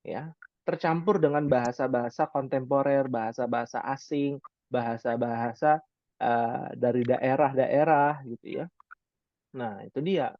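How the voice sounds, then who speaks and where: A man's voice: mid-range voice, steady tone, moderate pace, no room sound. Man teaching Arabic, dry lo-fi sound. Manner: conversational, rhetorical questions, frequent "ya" fillers. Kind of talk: online class lecture.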